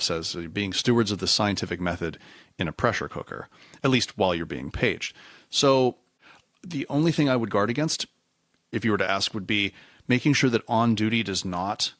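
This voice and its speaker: Low-voiced man explaining at length. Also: fairly bright tone, no echo, clean studio sound. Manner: discursive, self-correcting, slips into acted quotes. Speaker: podcast guest, reliability engineer. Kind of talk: casual conversational interview.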